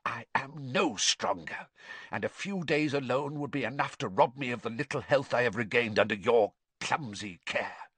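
A man voicing a cold, menacing, frail dark lord in an audiobook, with a breathy, hissing, soft delivery full of contempt. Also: medium pitch, animated, normal speed, no echo. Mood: contemptuous. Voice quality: breathy, hissing near-whisper.

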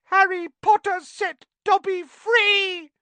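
A man reading a storybook aloud, voicing a shrill, excitable male house elf. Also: slow, no room sound, heavily acted. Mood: eager. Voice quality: shrill squeaky.

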